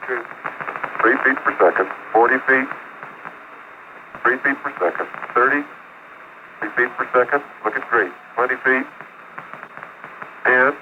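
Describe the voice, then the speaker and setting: A man on a crackly space radio transmission, giving steady, terse technical callouts during a landing. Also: mid-range voice. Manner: steady, terse readouts of numbers. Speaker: astronaut calling out a landing. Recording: tinny noisy radio link from mission archive.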